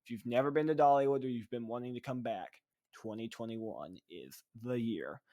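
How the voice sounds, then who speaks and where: A man's voice: medium pitch, normal speed, mellow, no echo, studio quality. A man co-hosting a podcast, chatting enthusiastically with frequent fillers. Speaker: podcast co-host. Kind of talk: casual podcast chat.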